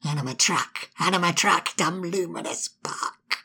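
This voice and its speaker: A woman voicing a sly, spiteful male imp in a storybook, mocking and insulting in a raspy, put-on voice. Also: a little slow, sharp tone, exaggerated voice. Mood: taunting. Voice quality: gravelly, raspy. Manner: mocking, sneering, darts between whispers and shrill taunts. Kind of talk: storybook reading.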